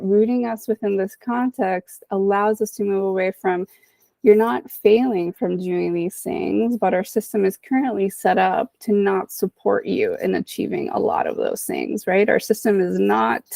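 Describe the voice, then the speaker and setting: Woman, 30s; thoughtful guest psychologist with a warm, fry-tinged voice. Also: medium pitch, no room sound. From Dominican Republic. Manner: reflective, often adds "right?" and "you know". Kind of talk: podcast interview.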